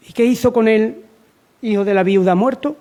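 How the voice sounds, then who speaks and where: High-voiced man preaching a sermon. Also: moderate pace, mellow. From Spain. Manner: repetitive, exhortative, rhetorical questions.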